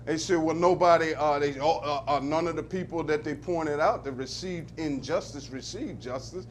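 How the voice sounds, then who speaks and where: Speaking at a normal speed with a fairly high pitch, a man comments on local matters like a preacher. His call-and-response rhythm is emphatic and builds to loud peaks, over a slight hiss or hum.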